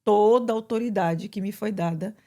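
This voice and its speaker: A woman pastor with a Brazilian Portuguese accent, preaching in conversation with emphatic, animated delivery. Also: medium pitch, moderate pace. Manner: animated, bursts into emphatic quoted prayers.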